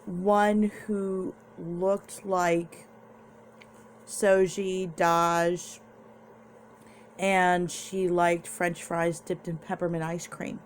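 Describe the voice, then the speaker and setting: Slow, low-pitched young woman chatting. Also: level tone, slight background noise. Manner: chatty, meandering, with restarts. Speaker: vlogger reviewing a TV episode. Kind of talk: casual recap and review.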